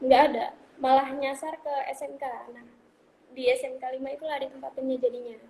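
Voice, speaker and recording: A woman's voice: sits high, flat delivery, fairly quick, warm tone, husky. A young woman in her twenties answering interview questions over a phone call, rambling and searching for words with many fillers. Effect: heard over a phone or online call. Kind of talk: casual interview. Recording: phone-like line with faint noise.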